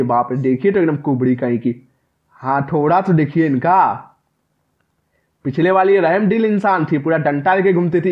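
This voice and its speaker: A man's voice: a little high, muffled recording. A man doing comic horror gameplay commentary, yelping and repeating words in panic and talking back to the game characters. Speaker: gaming commentator.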